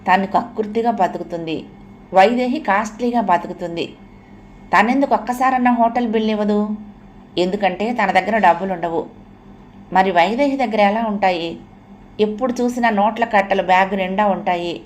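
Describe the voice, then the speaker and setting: A woman reading an audio novel aloud in a steady, even storytelling manner. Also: mid-range voice, moderate pace, slight background noise. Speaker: audiobook narrator. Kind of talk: scripted audio novel narration.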